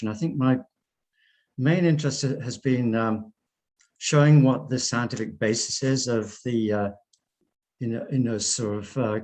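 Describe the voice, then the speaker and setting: An older man with a hoarse, croaky voice, giving a halting conference presentation over a video call. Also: mid-range voice, darkish tone. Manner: halting, often repeats and breaks off words. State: hoarse from wildfire smoke and asthma. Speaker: research scientist and clinical pathologist, invited speaker. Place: remote online presentation by screen share. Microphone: video call microphone.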